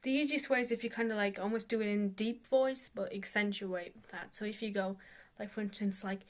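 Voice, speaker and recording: A woman's voice: medium pitch, brisk. A woman giving a casual, rambling tutorial as an amateur vocalist, hesitant and self-deprecating, saying "like" very often.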